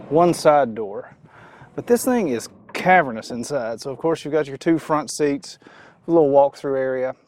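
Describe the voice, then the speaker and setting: A man giving a casual, chatty walkaround review of a vehicle, relaxed and full of fillers. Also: mid-range voice. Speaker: car reviewer.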